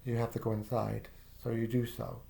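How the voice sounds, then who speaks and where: A man slowly narrating a guided visualization in the second person, calm and soft-spoken with casual fillers. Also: mid-range voice, vocal fry, a little hiss or hum.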